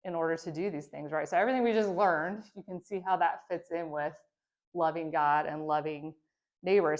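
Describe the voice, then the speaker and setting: A woman with a lowish voice gives a church training lesson. She talks in a loose, conversational way, checking in with her listeners and drawing on her own experience. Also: lo-fi sound. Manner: conversational, many fillers and tag questions; reflective, speaks from own experience. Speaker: teacher of a church training course. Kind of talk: teaching a lesson.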